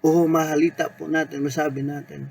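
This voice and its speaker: A man preaching a sermon in an unhurried way, mixing Tagalog and English and repeating key words. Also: on the high side, level tone, vocal fry, a little mellow, a little hiss or hum, low-quality recording.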